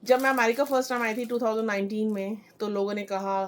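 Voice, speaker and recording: A young woman chatting through an excited unboxing vlog, mixing in English phrases. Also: fairly high pitch, fast talker. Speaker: vlogger.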